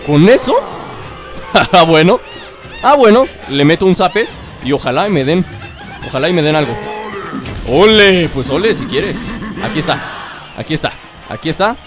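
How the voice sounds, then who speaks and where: A young Mexican man with a Mexican Spanish accent, playing a video game and joking with it in casual let's-play commentary, bursting into shouts. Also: fairly high pitch, sing-song, moderate pace, long pauses. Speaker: gaming video host. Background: game music.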